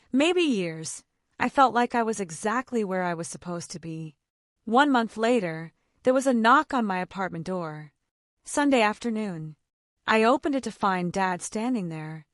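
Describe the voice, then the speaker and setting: A young woman narrating her own story in the first person, in short, reflective sentences. Her voice sits on the high side and moves widely in pitch. It is recorded dry and close, with no room around it. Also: no echo. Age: young adult.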